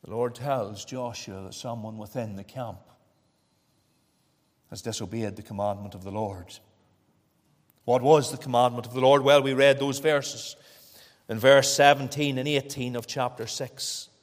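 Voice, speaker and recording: A man's voice: medium pitch, fairly even intonation, unhurried, pauses often. A man with a Northern Irish accent preaching an evangelical sermon in a dramatic manner, full of rhetorical questions and repetition. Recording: echoey hall with long reverb.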